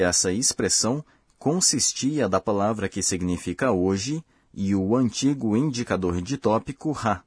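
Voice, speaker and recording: A man with a husky, low-set voice reads a language lesson in a slow, careful, explanatory way. The sound is dry and close, with no room around it. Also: no echo. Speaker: language course host. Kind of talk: scripted lesson narration.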